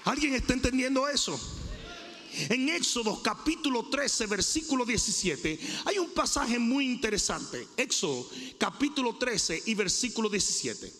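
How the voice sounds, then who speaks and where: High, lively preaching man in a hall. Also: normal speed. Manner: animated preaching with jokes and asides to the congregation. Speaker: pastor. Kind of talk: sermon. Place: church sanctuary. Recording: hall reverb, gravelly voice.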